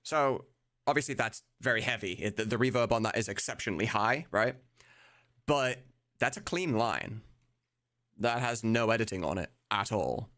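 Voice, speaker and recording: With video game music in the background, a man who streams and builds voice mods thinks aloud in an informal, profane chat. His voice sits on the low side and is expressive and fairly bright, at a moderate pace.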